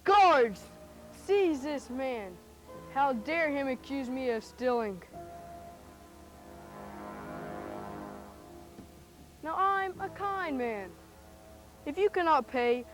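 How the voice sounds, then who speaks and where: A woman's voice: sits high, lively intonation, unhurried, soft background music. A woman playing a haughty, greedy male tax collector in a Bible drama, pompous and declamatory. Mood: indignant, pompous.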